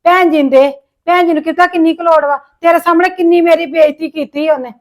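A woman's voice: extremely high pitch, steady tone, quick pace. A woman acting a widowed sister-in-law in a family drama, complaining in an aggrieved, lamenting way.

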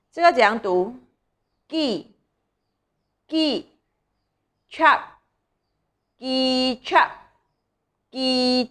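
A young woman teaches small children to read, sounding out syllables slowly. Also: on the high side, a bit bright. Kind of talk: children's reading lesson.

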